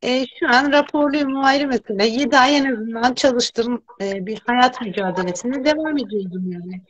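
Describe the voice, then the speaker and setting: A woman's voice: a little high, moderate pace, muffled recording, a little hiss or hum. Emphatic woman host in her fifties. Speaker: talk-show host. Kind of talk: casual talk-show conversation.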